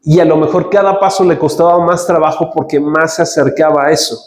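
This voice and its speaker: Guy preaching a sermon, chatty, keeps saying ok?, voice a bit high, room echoes. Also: steady tone, fairly quick. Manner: conversational, often checks in with "ok?". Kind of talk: teaching sermon with scripture reading.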